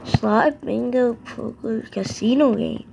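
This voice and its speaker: A woman with a low, hushed, raspy voice that is nearly gone, giving halting, casual commentary while playing mobile games. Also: slight background noise. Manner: halting, sparse short remarks. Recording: loud music over the voice. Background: music.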